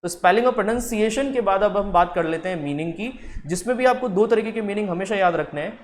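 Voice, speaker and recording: Male tutor, high-pitched, drawn-out terms, faint background noise. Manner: explains with slow drawn-out English words. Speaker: English teacher. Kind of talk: spoken English lesson.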